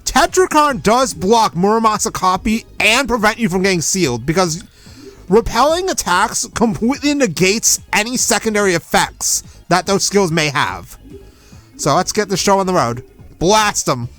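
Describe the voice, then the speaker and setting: A man's voice: sits high, lively intonation, moderate pace, fairly bright tone, soft background music. A young man casually commenting on a game he is playing, chatty and giving strategy tips. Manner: chatty, gives strategy tips, self-correcting. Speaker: let's play host.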